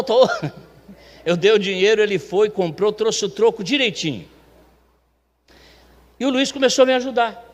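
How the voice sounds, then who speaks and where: A man telling a testimony from a church pulpit in a chatty, animated way, acting out the voices of the people in his story. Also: high voice. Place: church sanctuary. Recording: long reverb of a church hall.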